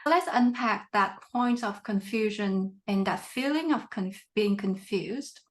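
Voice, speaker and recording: A woman's voice: medium pitch, unhurried. Reflective woman host from Vietnam. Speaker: podcast host. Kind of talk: interview questions.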